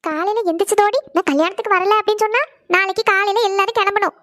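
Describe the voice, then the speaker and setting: A woman's voice: very high voice, a bit bright, dry recording, clean studio sound. Woman doing a fussing cartoon mother. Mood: scolding. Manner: scolding, rapid, fussing. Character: scolding worried middle-aged village mother. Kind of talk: cartoon voice acting.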